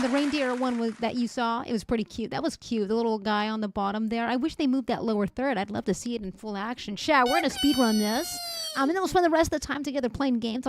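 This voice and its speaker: A woman's voice: fairly high pitch, noisy background. A woman streamer chatting casually with her live chat while reacting to news clips. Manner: chatty, talks to chat directly.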